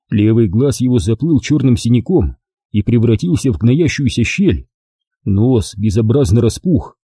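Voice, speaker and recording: A man's voice: mid-range voice, warm tone, breathy edge, no room sound, clean studio sound. A man reading an audiobook narration expressively. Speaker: audiobook reader. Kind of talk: scripted narration.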